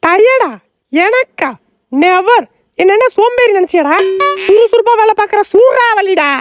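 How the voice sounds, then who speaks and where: A bossy, boastful young woman , put on by a woman, calls out orders in a very high, piercing voice. The sound is dull and lo-fi. Music plays clearly under it. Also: animated, a little slow.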